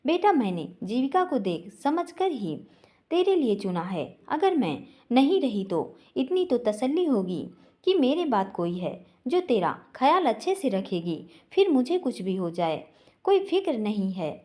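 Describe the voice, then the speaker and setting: A woman voicing a gentle, worried older mother who talks softly and tenderly to her son. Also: on the high side, sing-song, measured pace.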